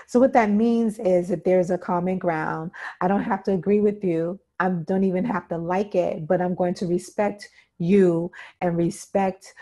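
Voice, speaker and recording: Warm, low-voiced woman teaching. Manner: emphatic, checks in with "okay?" and "right?"; repeats key phrases for emphasis. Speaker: workshop instructor. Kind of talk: interactive teaching talk.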